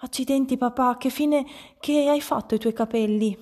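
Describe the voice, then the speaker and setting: Una donna che legge ad alta voce e fa un ragazzino sfacciato che prende in giro il padre. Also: female voice, a little high, normal speed, voice pushed up, natural voice. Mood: cheeky. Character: mocking young schoolboy.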